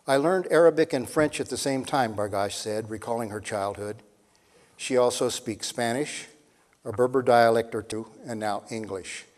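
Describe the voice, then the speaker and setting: An older man, the moderator of a lecture series, reads a speaker's introduction from a sheet at a podium microphone in a measured way. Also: medium pitch. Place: large hall with seated audience. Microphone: podium mic on a stand. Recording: long reverb in a hall.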